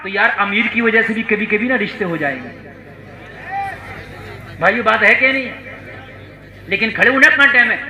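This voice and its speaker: A male Islamic preacher giving a dramatic sermon to a conference crowd, telling a story and building to shouts while urging the audience to call back. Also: high-pitched, long pauses, roomy sound, poor audio. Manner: dramatic, rising to shouts, coaxing the crowd to respond. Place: conference stage before a crowd.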